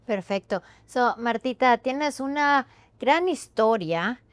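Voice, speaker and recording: A woman's voice: on the high side, animated, slow, no echo. A woman hosting an interview, asking questions in an upbeat, encouraging manner. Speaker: host.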